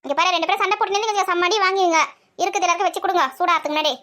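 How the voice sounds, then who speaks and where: A woman's voice: very high-pitched, fairly even intonation, pushed and bright. A woman voicing a busy mother who scolds and teases her two daughters in a comic family skit. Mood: bossy. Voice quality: quick, bossy and teasing.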